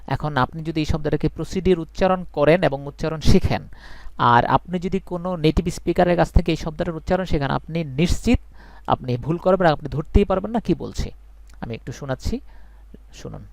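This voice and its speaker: Man, fairly high voice, earnest live-class English tutor, reassuring. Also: fairly quick, vocal fry, dry recording. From Bangladesh. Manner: earnest, reassuring, repeats points for emphasis. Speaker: English teacher.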